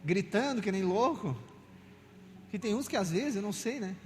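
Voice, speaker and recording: High-voiced preacher in reverberant hall. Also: male voice, animated, a little hiss or hum. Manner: conversational, asks the congregation many questions; rises to loud, slow proclamations. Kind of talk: sermon. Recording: long hall reverb with faint music.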